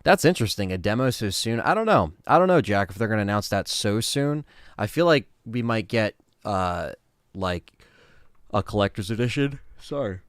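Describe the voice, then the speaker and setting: A man hosting a casual livestream, answering chat questions in a relaxed, rambling way with lots of fillers. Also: on the low side, a little fast, no room sound, clean studio sound.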